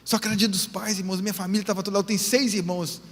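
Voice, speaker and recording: High-voiced pastor preaching in a hall. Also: male voice, little pitch movement, very fast. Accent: Brazilian Portuguese, Northeastern. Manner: emotional storytelling, calls the church brothers and sisters. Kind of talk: sermon. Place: large church hall. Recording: long church hall reverb.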